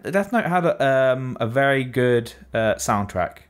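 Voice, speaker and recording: Chatty podcast host. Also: male voice, mid-range voice, measured pace. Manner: swearing, animated retelling. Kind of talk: casual chat.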